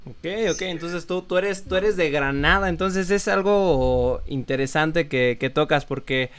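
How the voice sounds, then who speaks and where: A co-host from Mexico City with a central Mexican accent, asking curious questions in a casual interview chat. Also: male voice, a little high, unhurried, fairly bright tone. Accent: central Mexican Spanish.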